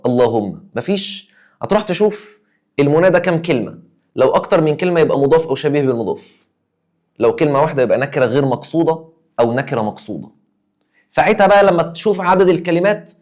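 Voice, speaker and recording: A young man with an Egyptian Arabic accent, a teacher giving an exam review lesson, emphatic and acting out his students' questions. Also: mid-range voice.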